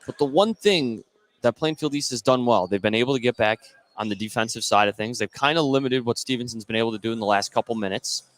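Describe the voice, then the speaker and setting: A man calls live basketball play-by-play for radio from an indoor gym during a game. His mid-range voice is a bit bright and moves at a quick pace, and the broadcast is noisy with the live crowd.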